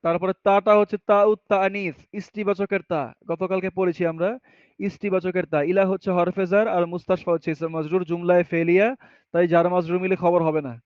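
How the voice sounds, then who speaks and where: A man with a fairly high voice teaches Arabic grammar patiently, one step at a time. He reads the example sentences slowly and answers his own questions as he goes. The sound is dry and close, with a dull, slightly muffled tone. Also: level tone, smooth, no room sound. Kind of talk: classroom grammar lesson.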